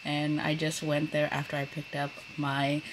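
With a deep, monotone voice at normal speed, this thirty-something woman chats informally over a noisy background. It's rambling vlog talk, peppered with "like."

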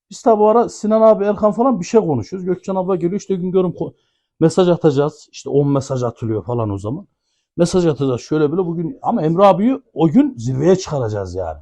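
A man's voice: fairly high pitch, dark tone. A man with an Ankara accent telling a funny anecdote, animatedly acting out the dialogue. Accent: Ankara Turkish. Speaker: storyteller guest.

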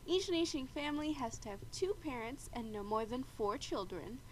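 A woman with a high, stuffy voice, congested after a bad cold, hosts a video game at a moderate pace. Chatty and explanatory, she walks through the gameplay and rules while clearing her throat frequently, and the rough recording carries steady background noise.

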